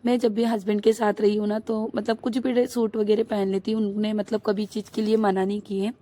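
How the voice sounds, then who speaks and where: Hoarse woman chatting on a rooftop. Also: mid-range voice, little pitch movement, fairly quick, mellow. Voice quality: thick, husky voice. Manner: chatty, rambling, many fillers. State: hoarse from a cold. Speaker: vlogger; housewife and mother. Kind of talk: casual vlog chat. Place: rooftop outdoors.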